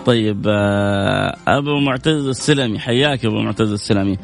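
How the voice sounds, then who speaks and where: A man's voice: fairly low pitch, a little fast, vocal fry, faint music behind. A man hosting a radio call-in show, giving earnest family advice and reading out listener messages.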